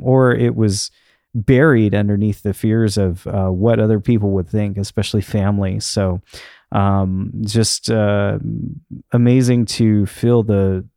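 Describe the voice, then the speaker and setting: Creaky, low-pitched man rambling on a podcast. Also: warm tone, no echo, studio quality. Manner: rambling, hesitant, thinking aloud. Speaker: podcast host. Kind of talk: casual unscripted solo podcast talk. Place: untreated room in his house.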